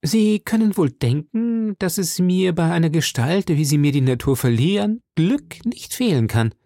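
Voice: medium pitch, expressive, moderate pace, warm tone, no room sound, studio quality, voice pushed up, lightly acted. A reader voicing a vain, boastful male musketeer who speaks pompously and pities himself in an audiobook. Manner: pompous, self-pitying. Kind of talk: audiobook character reading.

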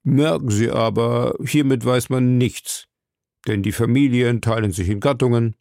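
A man's voice: mid-range voice, steady tone, measured pace, gravelly, a little mellow, no echo, clean studio sound. A man reading an audiobook, voicing an earnest, pedantic servant who lectures on classification. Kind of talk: audiobook character voice.

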